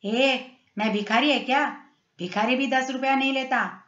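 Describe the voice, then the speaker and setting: A loud, scolding street hustler with a rough put-on masculine edge, done by a woman narrating a story. The voice is pushy and scornful. The recording sounds a little roomy and muffled. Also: high voice, moderate pace. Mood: bossy, scornful. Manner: bossy, scolding, demanding. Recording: roomy, slightly dull recording.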